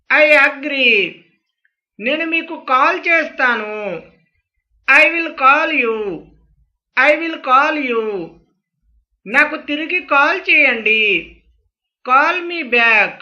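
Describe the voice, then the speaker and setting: A woman reads short practice phrases as a language teacher, carefully saying each English line twice. Her voice is high and very sharp and bright. The recording sounds dull and lo-fi. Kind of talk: reading phrase drills.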